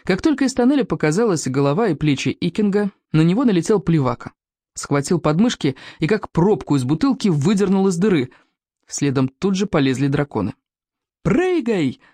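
Lively, dramatic audiobook narrator. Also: medium pitch, no room sound. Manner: animated, dramatic storytelling with slowed, drawn-out suspense.

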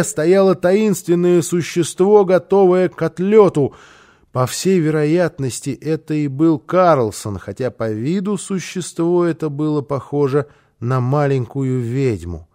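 Expressive male storyteller reading a children's tale. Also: fairly high pitch. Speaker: narrator. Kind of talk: audiobook narration of a children's story.

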